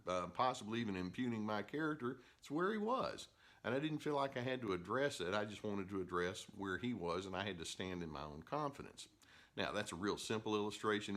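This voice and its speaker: An older man, a therapist, explaining calmly and telling stories, with frequent "uh" fillers. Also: on the low side. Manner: calm storytelling with filler "uh"s. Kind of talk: educational talk to camera.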